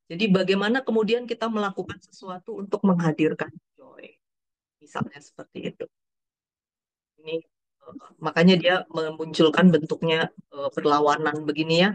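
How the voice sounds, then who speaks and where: A middle-aged woman counselor giving an explanatory talk to parents, her voice rising and falling as she explains, with many fillers and quoted inner thoughts. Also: normal speed. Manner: lively, pitch swings up and down while explaining.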